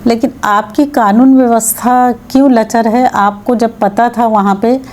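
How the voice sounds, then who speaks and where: Firm, mellow-voiced woman politician. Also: fairly high pitch, steady tone, measured pace. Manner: firm, argumentative, rhetorical questions. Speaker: MLA, interview guest. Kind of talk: political interview answers.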